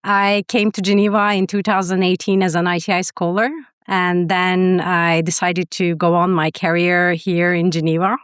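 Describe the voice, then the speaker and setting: Hesitant woman, smooth voice. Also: on the low side, flat delivery, normal speed, dry recording, clean studio sound. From Turkey. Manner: hesitant, many fillers and restarts. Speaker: guest, prosthodontist and university faculty member. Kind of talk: podcast interview answers.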